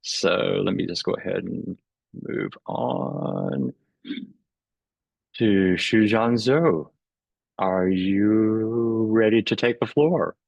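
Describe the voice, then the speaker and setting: A man's voice: on the low side, drawn-out words, creaky, dry recording, muffled recording. A man hosting an artist talk over a video call, chatting casually with many filler words and frequent laughter. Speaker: host and moderator of an artist talk. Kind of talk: casual presenting.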